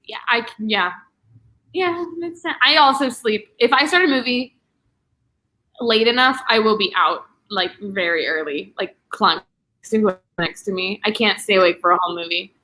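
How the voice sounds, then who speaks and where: A woman's voice: mid-range voice, bright, forceful tone. A young woman hosting a casual livestream book discussion, chatty and full of "like" fillers. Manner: chatty, many "like" fillers, quick asides. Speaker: booktube host.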